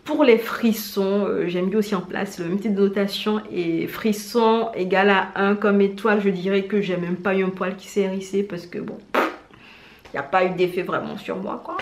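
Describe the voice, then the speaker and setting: A woman vlogger chatting casually in an animated, slangy, self-mocking way as she gives recommendations. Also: mid-range voice, moderate pace. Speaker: vlogger presenting drama recommendations. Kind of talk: casual chat to camera. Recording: roomy indoor echo.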